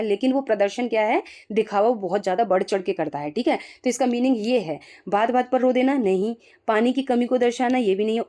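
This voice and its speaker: A woman teacher walks through exam questions aloud, tagging nearly every point with a quick check-in and slipping English terms into her explanations. Her voice sits a little high yet sounds warm and mellow rather than bright. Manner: explains quickly, with frequent "ठीक है" check-ins.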